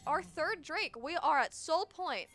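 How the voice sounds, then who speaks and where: A woman's voice: very high voice, animated, unhurried, fairly bright tone, soft background music. A young woman doing color commentary on a college esports match, chatty and sympathetic. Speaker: esports caster. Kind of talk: live game commentary.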